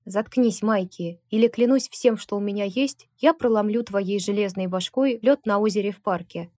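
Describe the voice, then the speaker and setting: A woman voicing a gruff, stubborn man who talks tersely and rudely, in an audiobook. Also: medium pitch, normal speed, a little mellow, dry recording, studio quality, natural voice. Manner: terse and rude.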